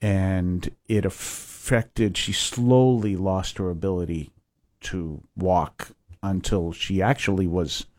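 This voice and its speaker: Older male priest, low reflective voice. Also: fairly even intonation, slow pace, darkish tone, dry recording. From Massachusetts. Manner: reflective, hesitant with fillers. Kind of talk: conversational interview.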